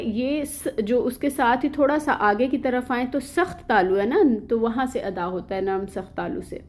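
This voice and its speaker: A woman with a Pakistani Urdu accent and a slightly high voice teaches how to pronounce Quranic letters in an online lesson. She explains patiently and repeats the sounds slowly.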